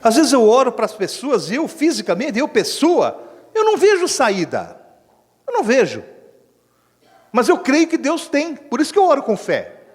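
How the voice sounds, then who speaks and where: A man with a Brazilian accent preaching a sermon as pastor, telling a story in an animated way and acting out what people said. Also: very high-pitched, moderate pace. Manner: animated storytelling preacher, acts out quoted speech. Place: church hall. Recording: echoey church hall with long reverb.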